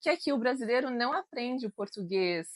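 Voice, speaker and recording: A woman's voice: fairly high pitch, animated, a little fast, no echo. A woman who grew up in Germany with German as her native language, chatting casually as a teacher co-hosting an educational channel. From grew up in Germany, living in Brazil.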